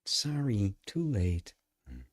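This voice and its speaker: Guy teaching tapping on a livestream, low husky voice, bouncy lively delivery, blunt and a bit sweary. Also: slow, no room sound, studio quality. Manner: animated, frank and profane, acts out inner voices. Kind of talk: live-stream teaching.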